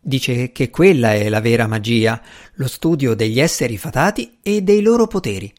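A man's voice: medium pitch, lively intonation, moderate pace, a little mellow, close to an everyday voice. A man voicing a good-natured young woman in an audiobook, earnest and a little teasing. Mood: playful.

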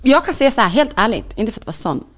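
A woman with a Swedish accent co-hosting a podcast, chatting casually and mixing in English phrases. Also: a little high. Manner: lively, mixes in English phrases. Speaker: podcast co-host. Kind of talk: casual chat.

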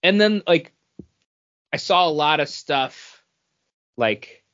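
This podcast co-host is a man whose voice sits on the high side, bright and expressive, and he talks at a slow pace. He meanders through a comic book review in easy conversation, circling back on phrases as he thinks, and the audio sounds dull and lo-fi.

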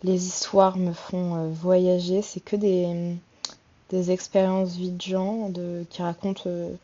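A woman's voice: on the low side, level tone, slow pace, mellow, lo-fi sound. A woman in her twenties from France hosting a solo podcast, talking casually with frequent hesitations and restarts. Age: 20s. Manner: hesitant, many fillers and restarts. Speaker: podcast host.

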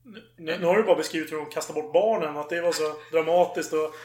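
A man co-hosting a casual chat, cutting in with dry, teasing remarks. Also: on the high side. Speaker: podcast co-host. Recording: roomy echo.

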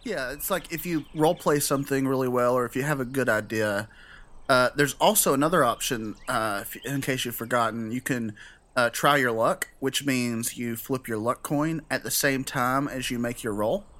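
A man's voice: mid-range voice, moderate pace, a bit bright. Man casually narrating as game master. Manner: explanatory, conversational.

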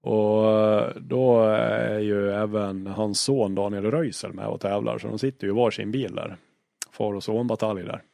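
A man with a fairly low voice spins rally anecdotes in an easygoing interview. He talks as a co-driver, swears freely and acts out old arguments. The sound is close and dry, with almost no room in it. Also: gravelly, no echo. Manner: lively storyteller, swears freely, acts out quarrels. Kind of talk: casual anecdote telling in an interview.

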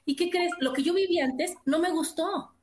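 High-voiced Mexican woman, echoey room. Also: moderate pace. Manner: animated, acts out quoted voices. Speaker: guest speaker. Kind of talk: casual motivational talk.

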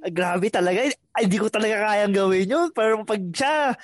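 A man's voice: high voice, animated, moderate pace, no room sound. A man co-hosting a podcast, telling a story in a rambling, hesitant way and giggling. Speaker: podcast co-host. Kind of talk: casual storytelling.

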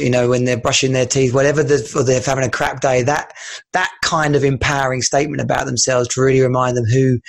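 A man's voice: medium pitch, gravelly. A man hosting a podcast, agreeable and rambling, often restarting his sentences. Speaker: podcast host. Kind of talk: casual podcast chat.

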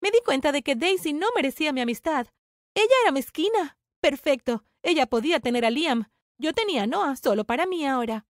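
A woman's voice: high voice, animated, fairly quick, no echo, studio quality. A young woman narrating a dramatic first-person story about her twin sister. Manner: dramatic confessional telling.

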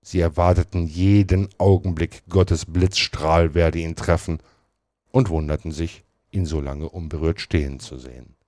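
A man reading a classic novel aloud in a measured, expressive storytelling manner. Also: deep voice, no echo, studio quality. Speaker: storybook reader.

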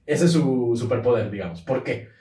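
A man with a Mexican accent co-hosting a podcast, telling a story in a casual, slangy, animated way. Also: mid-range voice, moderate pace. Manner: animated, slangy, laughs as he tells it. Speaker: podcast co-host. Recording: roomy echo, mic at a distance.

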